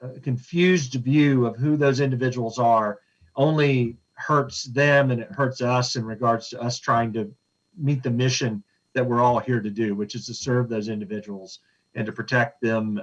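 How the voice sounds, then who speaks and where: A man speaking as a webinar panelist, earnest and halting, with frequent fillers and restarts. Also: medium pitch, fairly even intonation. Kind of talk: conversational commentary. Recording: dull lo-fi call audio.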